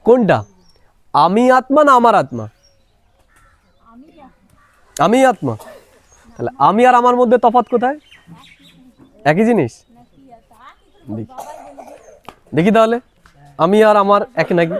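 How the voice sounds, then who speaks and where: A man's voice: high-pitched, big pitch swings, unhurried, long pauses. A man with a Bengali accent giving a spiritual meditation lesson to a live audience, explaining patiently with everyday examples and asking again and again whether he is understood. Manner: asks the audience rhetorical questions again and again.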